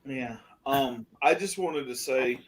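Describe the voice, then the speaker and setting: Laid-back guy on his stream, halting, lots of um, swears a bunch, middle pitch voice. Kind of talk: casual chat on a live stream.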